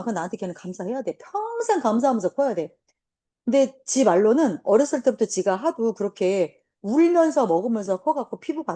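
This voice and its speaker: 활기차고 거침없이 떠드는 여자 선생님. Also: female voice, fairly high pitch. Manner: blunt, animated storytelling with swearing. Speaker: teacher. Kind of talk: casual classroom talk.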